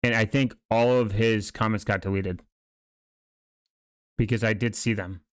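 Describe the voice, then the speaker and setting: A man giving casual, rambling commentary, speaking haltingly and often trailing off or restarting mid-thought. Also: on the low side, steady tone, smooth, dry recording, clean studio sound. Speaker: streamer reacting to online videos and channels.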